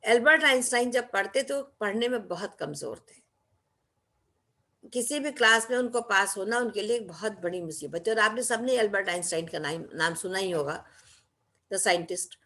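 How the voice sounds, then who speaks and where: A woman's voice: medium pitch, animated, moderate pace, pushed and bright. A woman giving a motivational talk, speaking emphatically and acting out quoted lines in between.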